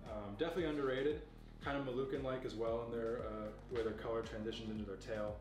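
Young male keeper giving a relaxed walkthrough, mid pitch, roomy echo, distant mic, music underneath. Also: fast talker. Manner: knowledgeable, relaxed, with frequent fillers. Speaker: facility owner giving a tour. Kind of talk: casual walkthrough explaining snakes. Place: indoor reptile room with glass enclosures. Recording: echoey room, off-mic, music behind.

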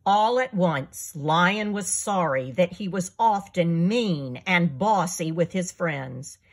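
Lady reading her kids book out loud, slow and lively, kinda breathy. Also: fairly low pitch. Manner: expressive, storyteller. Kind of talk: children's story reading.

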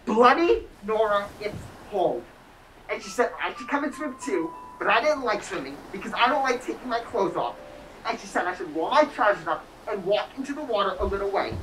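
A young woman acting a literal-minded teenage boy on stage, speaking flatly and matter-of-factly. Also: mid-range voice, a little fast, a little hiss or hum, close to an everyday voice, poor audio. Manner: flat, literal, matter-of-fact.

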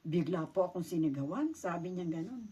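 This middle-aged Filipino vlogger shares something that happened to her, courteously re-enacting the conversations in quoted dialogue. Her lowish, dark, slightly rough voice is expressive and fairly quick, and the audio sounds dull, recorded from a distance with faint noise.

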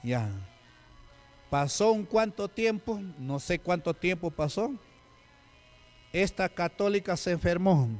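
A man's voice: high-pitched, slow pace, long pauses, soft background music. A man preaching a sermon, telling a story with acted quotes and asking the congregation questions. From Peru.

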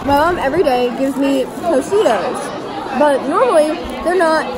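Teen female, high-pitched casual storyteller, loud crowd behind. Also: normal speed. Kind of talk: casual anecdote to camera.

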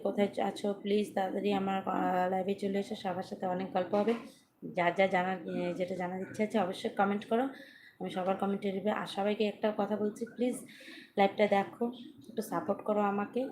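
A woman chatting softly and casually with viewers on a live stream from her veranda at night, speaking without an external mic and pleading for support. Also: mid-range voice, noisy background. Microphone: phone without external mic.

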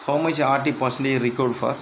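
A man reading interview questions and answers aloud in a plain, measured way, with slightly halting phrasing. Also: mid-range voice, fairly even intonation, a little hiss or hum, low-quality recording. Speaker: instructor.

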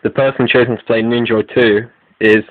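A man's voice: medium pitch, fairly even intonation, moderate pace, no echo. A man hosting an online video update, reading out announcements in a scripted style. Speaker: video creator and host. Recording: phone-like, narrow lo-fi sound.

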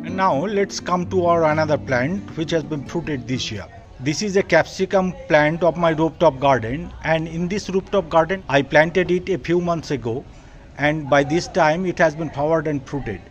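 A Bengali-accented man in his sixties earnestly shows off his rooftop garden in a casual vlog, calling his viewers "dear friends." His fairly high voice moves at normal speed, while the audio is dull with soft background music.

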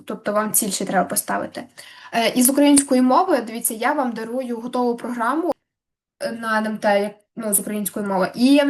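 A young woman tutor giving a chatty, casual lesson to camera, full of filler words and restarts. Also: on the high side.

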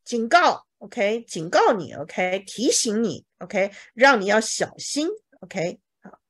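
Lively woman teaching English in Mandarin. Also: medium pitch, slow pace, breathy edge. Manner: explains words in Mandarin, checks with "OK?"; acts out examples dramatically. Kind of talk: bible English lesson.

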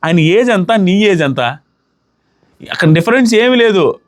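A man's voice: sits high, moderate pace. A man giving casual, argumentative commentary on a reality show, acting out what people said. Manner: animated, argumentative, acts out quotes.

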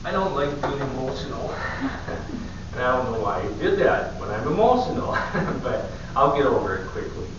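A man's voice: mid-range voice, very animated, moderate pace. A pastor preaches in a loose, conversational way, stopping and restarting his sentences and poking fun at himself. His voice rings around a large church and reaches a distant mic. The sound is dull and carries a layer of background noise. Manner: conversational, self-deprecating, many restarts. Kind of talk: sermon. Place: church sanctuary. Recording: echoey, dull, distant, noisy room recording.

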